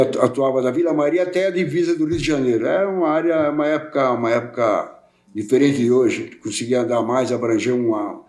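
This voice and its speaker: A man's voice: medium pitch, a little mellow. An older man from Portugal raised in Brazil, chatting as a podcast guest in a rambling way, repeating and restarting words. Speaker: podcast guest, welding specialist. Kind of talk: casual interview chat. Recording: roomy echo.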